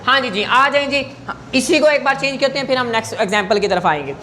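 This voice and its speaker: A man's voice: very high voice, sharp tone, slight background noise. A man teaching an English grammar lesson in class, patient and coaxing, often checking whether students follow.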